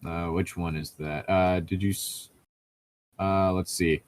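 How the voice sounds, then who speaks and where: Low-voiced and steady, a man talks slowly while co-hosting a laid-back podcast. He reads from a novel and wanders through casual commentary on it, sprinkling in some profanity.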